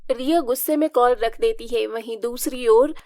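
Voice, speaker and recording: Female storyteller, high-ish, dry studio voice, expressive reading. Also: moderate pace, dry recording. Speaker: narrator voicing all women. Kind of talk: storybook narration with character voices.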